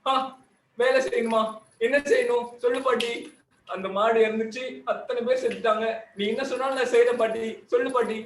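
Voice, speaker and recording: A man voicing a sad young male clown puppet who whines and sulks in fast Tamil chatter. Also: extremely high pitch, steady tone, echoey room, distant mic, low-quality recording. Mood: whiny. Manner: whiny, sulky, rapid Tamil chatter. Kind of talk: puppet show.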